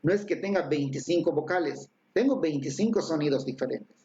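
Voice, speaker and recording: A man's voice: a little high, brisk, mellow, lo-fi sound, a little hiss or hum. A man teaching an online language lesson, explaining patiently with many fillers and tag questions.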